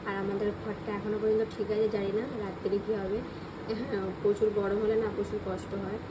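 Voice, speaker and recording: A woman with a West Bengal Bengali accent talking quietly and casually to her viewers so as not to wake her sleeping child. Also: mid-range voice, little pitch movement, fast, background noise. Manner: speaks softly so the baby keeps sleeping. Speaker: vlogger. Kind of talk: hushed casual vlog talk.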